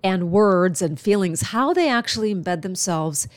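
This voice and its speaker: A woman hosts her own podcast solo, speaking to listeners in an earnest, chatty way full of warm-hearted encouragement. Her medium-pitched voice is expressive and measured in pace, though she sounds noticeably congested with a stuffy nose. The recording is dry.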